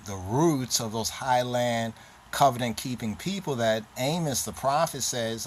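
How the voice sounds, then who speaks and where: A man in the middle of his pitch range talks slowly and deliberately through an alphabet lesson. He repeats each letter name and checks in with the listener. His voice was recorded on a handheld camera, and there is a faint hiss in the background. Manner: repetitive, spells out letters one at a time, frequent "right?". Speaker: teacher.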